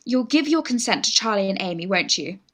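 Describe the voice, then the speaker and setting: In this Victorian stage farce performed as a radio play, a woman with a British accent takes the part of an eager young lady in love, genteel and pleading. She speaks briskly and animatedly in a mid-range, slightly bright voice.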